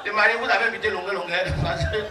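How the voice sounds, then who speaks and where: High-voiced Cameroonian wedding MC. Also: male voice, fairly even intonation, very fast. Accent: Cameroonian French. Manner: joking, teasing the crowd, calling for applause. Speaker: wedding MC and comedian. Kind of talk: stand-up comedy at a wedding. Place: wedding reception hall. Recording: roomy hall from far off, noisy crowd.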